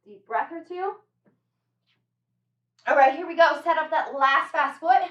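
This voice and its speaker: A woman leading a workout as a fitness instructor, energetic and encouraging, giving brisk short cues and demonstrations. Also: sits high, lo-fi sound. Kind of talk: live workout coaching and demonstration. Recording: echoey room, distant microphone.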